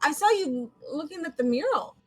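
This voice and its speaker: Woman gamer in casual in-character talk; hesitant, informal, somewhat high pitch, faint music underneath. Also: lively intonation. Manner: informal, halting. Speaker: tabletop game player. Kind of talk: casual in-character game chat.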